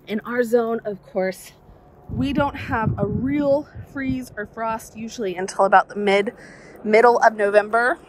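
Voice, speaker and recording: A woman's voice: on the high side, fairly even intonation, a little slow, background noise. A woman, chatting casually and upbeat as she walks through her garden, speaking into a phone held at arm's length outdoors. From southern Alabama, USA. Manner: chatty, upbeat, folksy asides. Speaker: garden vlogger. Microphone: phone camera held at arm's length. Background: faint outdoor ambience, passing helicopters.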